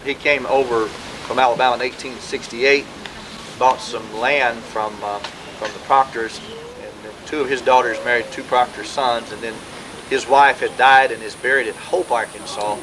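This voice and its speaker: A man, talking informally to relatives at a family gathering in a rambling way with many pauses, heard on an old VHS home video. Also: medium pitch, steady tone, noisy background. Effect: old VHS home video sound. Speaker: family historian speaking at a birthday gathering.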